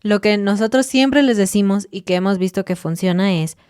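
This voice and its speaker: Smooth-voiced woman teaching. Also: mid-range voice, normal speed, darkish tone, no echo, clean studio sound. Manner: explains patiently, demonstrates sounds. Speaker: podcast co-host. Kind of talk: casual teaching chat.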